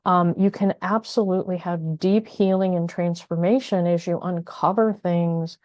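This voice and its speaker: Soft-toned woman giving astrology guidance. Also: fairly low pitch, fairly even intonation, moderate pace, no room sound, highs cut off. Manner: thoughtful, many fillers and restarts, asks "right?". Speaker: astrology video host. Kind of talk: casual spoken astrology guidance.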